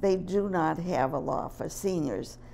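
A woman's voice: fairly low pitch, unhurried, gravelly, mellow, a little hiss or hum. A woman in her eighties chatting in an interview. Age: 80s.

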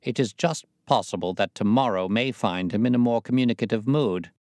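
A man's voice: on the low side, fairly quick, a little mellow, dry recording, natural voice. A man voicing a shrewd, self-assured detective in an audiobook, reasoning in a formal, incisive manner. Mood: confident reasoning. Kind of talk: audiobook character voice.

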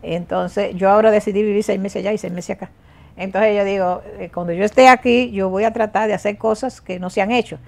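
Older woman talking with lively emphasis. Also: medium pitch, fairly quick, creaky. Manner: lively, emphatic, frequent hesitations and repeats. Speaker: guest. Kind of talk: casual interview talk. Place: TV studio set.

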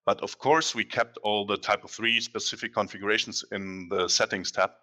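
Steady in tone yet forceful, a lowish-voiced German man in his thirties delivers a casual product demo to an online meetup via headset mic. He stands in a dim indoor room before a large screen, talking conversationally, stopping often for "um" and correcting himself as he goes.

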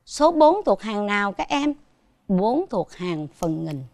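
A woman's voice: medium pitch, big pitch swings, slow, darkish tone, dry recording. A woman with a Southern Vietnamese accent teaching a televised primary school math lesson, patiently asking her pupils questions as she goes.

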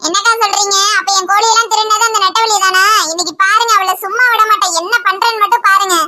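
A woman's voice: extremely high pitch, steady tone, fast talker, bright, forceful tone, a little hiss or hum, exaggerated voice. A woman putting on a wailing cartoon poultry farmer. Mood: upset. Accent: Kanyakumari Tamil.

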